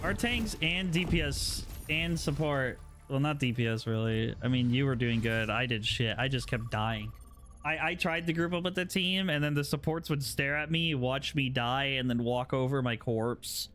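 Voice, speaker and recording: A man's voice: medium pitch, moderate pace, fairly bright tone. A man chatting and grumbling while he streams a game, talking about himself in a self-deprecating way into a new streaming mic. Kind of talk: casual gaming livestream commentary. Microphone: new streaming microphone. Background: game music and sound effects.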